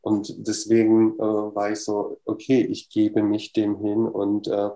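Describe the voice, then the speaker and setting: A middle-aged man telling a personal story in an interview, lively and full of fillers, acting out the dialogue as he goes. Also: fairly low pitch, a little slow. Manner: animated, acts out dialogue, many fillers. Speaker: interview guest. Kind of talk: casual storytelling.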